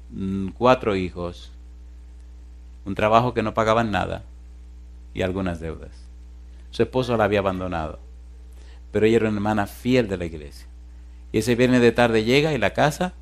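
A man preaching from the pulpit as pastor. He swings between booming questions to the congregation and soft, hushed storytelling in a church sanctuary. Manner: animated preaching, shifts from loud calls to hushed storytelling. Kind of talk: sermon.

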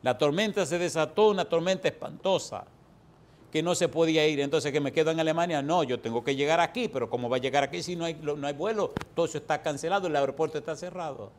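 A man preaches with fervor, a voice set a little higher than most men's. He keeps pressing the congregation with rhetorical questions. He tells his stories by acting out each person's lines. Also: quick pace. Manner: storytelling with acted-out dialogue. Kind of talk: sermon.

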